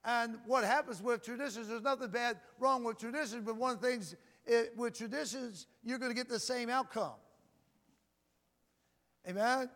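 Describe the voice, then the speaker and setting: At an extremely high pitch and moderate pace, a male preacher delivers a loud sermon, repeatedly asking the crowd "Amen?" while stumbling over and repeating words as he climbs toward shouting. The church gives his voice a long reverb, with faint music underneath.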